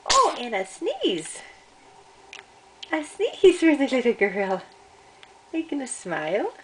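A woman's voice: high-pitched, wildly swooping pitch, slow, fairly bright tone. An older woman, a grandmother, coaxing a baby in repetitive sing-song baby talk while filming at home. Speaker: grandmother babysitting. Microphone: camcorder mic. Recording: noisy home camcorder audio.

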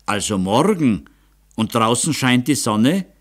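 A man's voice: medium pitch, very animated, slow pace. A man voicing a proud, impatient aging count who has just gone blind, speaking brusquely and commandingly. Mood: grave. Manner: brusque, commanding, rising to anguish.

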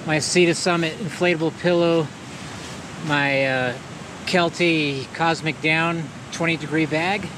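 A man's voice: fairly high pitch, fairly even intonation. A man vlogging outdoors in a mountain canyon, talking to the camera in a plain, laid-back way while he sets up camp. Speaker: hiking vlogger. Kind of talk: casual outdoor vlog narration. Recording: loud rushing water noise. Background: waterfall and stream roar.

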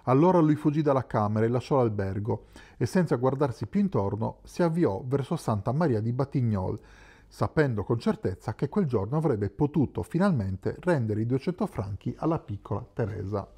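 A man narrating a literary novel as an audiobook in a calm, measured way. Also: medium pitch, husky. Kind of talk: scripted narration.

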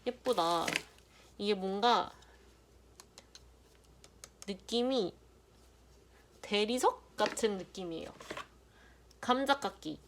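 A young woman vlogger narrating an unboxing in a chatty, playful way, muttering softly to herself while she handles things. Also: medium pitch, expressive, slow pace, pauses often. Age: young adult. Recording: loud background noise.

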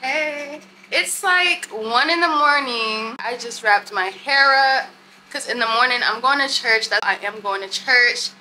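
Young woman, travel vlogger, high voice, chatty, phone at arm's length, faint outdoor ambience. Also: a little slow, a little hiss or hum. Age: young adult. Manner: chatty, animated, talks to viewers as "y'all". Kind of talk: casual vlog to camera. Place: hotel room and balcony at night, outdoors by a city street. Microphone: handheld phone camera at arm's length.

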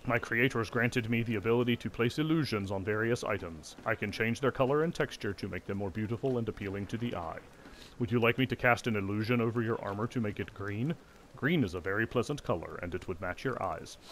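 A man's voice: on the low side, fairly quick, fairly bright tone, slight background noise. A man voicing a vain, cheerful male gem golem in a staccato, clockwork automaton voice while reading game dialogue aloud. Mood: proud, chirpy.

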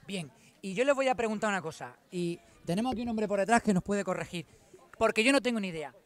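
A man's voice: high voice, animated, quick pace. A man in his thirties with an Andalusian Spanish accent, a playful field reporter interviewing people outdoors at a football ground with a handheld mic. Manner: playful, teasing, rallies crowds. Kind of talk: lively on-pitch interviews.

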